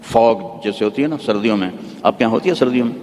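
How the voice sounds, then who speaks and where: A preacher from Pakistan, telling a religious story vividly in a sermon. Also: male voice, on the low side, darkish tone. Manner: vivid storytelling with demonstrative asides. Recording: long hall reverb.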